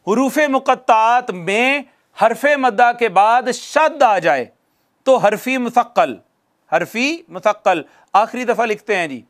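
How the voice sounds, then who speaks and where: In a classroom, a high-pitched male recitation teacher dictates definitions at a slow pace, repeating them, and answers the questions he puts to the class himself.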